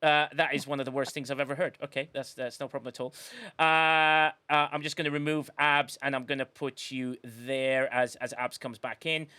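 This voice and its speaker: A man hosts a casual live podcast, talking in an effusive, rambling way with many restarts. His voice sits at a middle pitch. The sound is dry and close. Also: flat delivery, moderate pace, hardly any pauses, sharp tone, smooth, dry recording. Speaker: podcast host. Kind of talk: casual live-stream chat.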